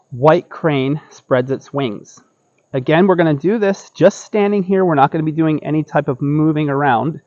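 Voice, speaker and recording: Slow-paced, higher-voiced man teaching tai chi. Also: no echo, dull audio. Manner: explanatory, often checks in with "okay?". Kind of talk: casual step-by-step exercise instruction. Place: outdoor wooden deck by trees.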